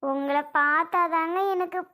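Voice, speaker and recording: A woman's voice: extremely high pitch, fairly even intonation, unhurried, pushed and bright, exaggerated voice. A woman playing a sulking young wife who gives curt, evasive replies in a family skit. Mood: grudging.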